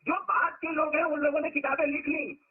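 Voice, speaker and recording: A man's voice: very high voice, little pitch movement, fairly quick, narrow, tinny audio. A man giving an informal spiritual discourse as a teacher, talking conversationally and asking rhetorical questions.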